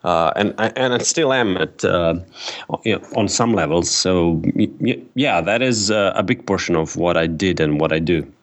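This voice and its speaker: Man, lowish voice, hesitant academic guest, lots of restarts. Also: normal speed. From Slovenia. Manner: hesitant, many restarts and fillers, careful explaining. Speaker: philosopher guest. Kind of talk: casual interview.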